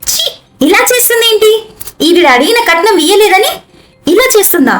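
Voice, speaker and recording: A woman's voice: very high-pitched, lively intonation, fairly quick, echoey room, noisy background. A young woman playing a put-upon daughter-in-law who chats to the audience and turns sweet with a sly edge. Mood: annoyed. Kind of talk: amateur family comedy skit.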